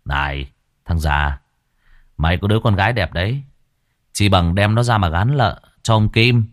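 A man's voice: sits low, moderate pace, dry recording, clean studio sound, lightly acted. A man voicing a swaggering gang leader who mocks his victims and fawns before the powerful. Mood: mocking. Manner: mocking, then fawning.

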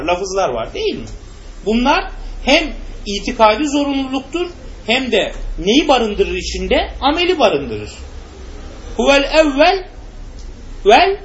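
A man's voice: extremely high pitch, fairly bright tone. A man teaching a religious lesson, often asking his students questions and then answering them himself. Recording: muffled recording with faint background noise.

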